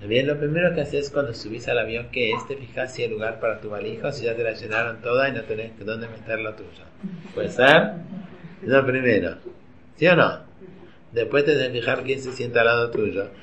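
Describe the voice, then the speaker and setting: A man's voice: medium pitch, moderate pace, fairly bright tone. A man with an Argentine accent gives a religious teacher's informal lecture to a class of women, constantly quizzing them with questions. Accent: Argentine Spanish. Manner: chatty, keeps quizzing the audience with questions. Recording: roomy, slightly dull recording with faint hum.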